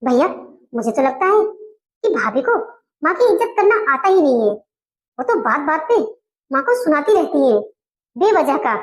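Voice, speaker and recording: A spoiled sister-in-law, as a woman puts her on who tattles to her mother and brother. Her voice is very high and whiny in a family comedy skit. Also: big pitch swings, moderate pace, long pauses.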